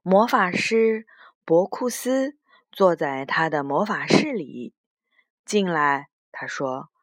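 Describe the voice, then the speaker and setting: Slow, gentle storybook-reading woman. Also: lowish voice, lively intonation, dry recording. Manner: slow, gentle read-aloud. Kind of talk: reading a children's storybook aloud.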